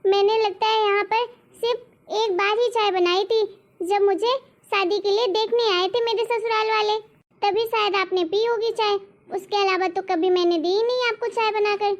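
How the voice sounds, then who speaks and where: A woman voicing a spoiled, lazy young married daughter in an animated story, talking back indignantly. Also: very high voice, moderate pace. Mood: defiant. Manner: indignant, argumentative. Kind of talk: cartoon story voice acting. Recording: dull lo-fi recording.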